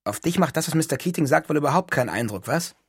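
A man reading an audiobook and voicing an impulsive, enthusiastic teenage boy, speaking loudly and emphatically in a husky voice. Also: on the high side, lively intonation, quick pace, dry recording, clean studio sound. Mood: insistent. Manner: loud and emphatic, swept up in enthusiasm. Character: eager excited teenage boy, impulsive dreamer.

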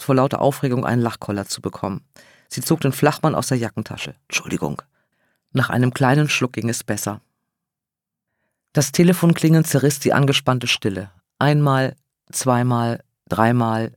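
A man reading a story aloud in measured, even narration. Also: mid-range voice, no echo, clean studio sound. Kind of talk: scripted audiobook narration.

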